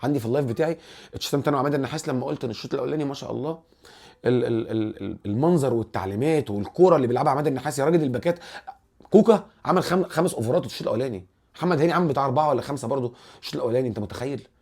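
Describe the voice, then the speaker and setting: A man with an Egyptian accent hosting a casual football commentary vlog, animated and rambling, restarting his words often. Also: mid-range voice, racing, vocal fry. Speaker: football channel host.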